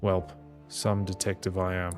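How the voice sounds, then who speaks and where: Reading a visual novel aloud as dramatic narration, this man has a low, slightly mellow voice delivered in a monotone at a moderate pace. He stumbles a little now and then, while game music runs under his voice on his gaming channel.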